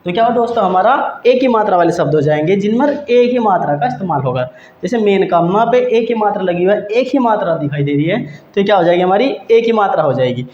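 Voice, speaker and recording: A man teaching a grammar lesson for exam students. He talks patiently, says each word slowly and repeats it, and often calls his listeners friends. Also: high-pitched, animated, a little mellow. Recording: dull, echoey room with faint hiss.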